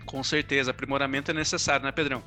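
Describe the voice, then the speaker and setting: A man's voice: mid-range voice, flat delivery, rapid-fire, pushed and bright, soft background music. A Brazilian man hosting an upbeat podcast interview, with an enthusiastic, emphatic presenter's delivery. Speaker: podcast host.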